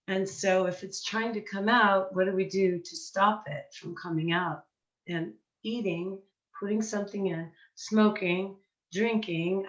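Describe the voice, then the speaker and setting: A hoarse woman, still recovering from laryngitis, talks as a coach in a relaxed live chat. She circles and repeats words as she thinks. Her video-call audio sounds roomy and dull. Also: mid-range voice. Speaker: mindset coach and hypnotherapist. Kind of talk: casual live-stream chat.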